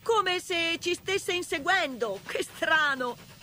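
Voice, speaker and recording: A kindly male train driver in a storybook, acted by a woman reading aloud, brisk and emphatic as he gives orders. His bright voice rises and falls a lot as he speaks. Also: very high voice, expressive, pitched above the performer's own voice, heavily acted. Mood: puzzled.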